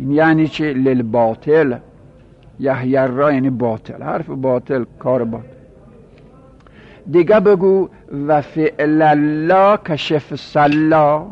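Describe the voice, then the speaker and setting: Man teaching a grammar class, lo-fi. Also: a little high. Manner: reads verse lines slowly, explains quickly, quizzes students. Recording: dull lo-fi recording.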